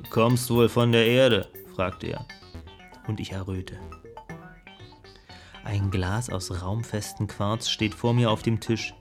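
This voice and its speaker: Man narrating a sci-fi audiobook. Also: medium pitch. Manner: vivid, expressive storytelling.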